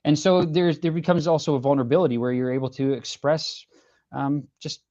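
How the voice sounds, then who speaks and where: A man's voice: a little high, steady tone, brisk, darkish tone. Middle-aged guy in an interview, thoughtful, keeps restarting sentences, kinda muffled audio. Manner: earnest, reflective, restarts phrases while searching for words. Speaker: interviewed musician. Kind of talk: casual interview chat.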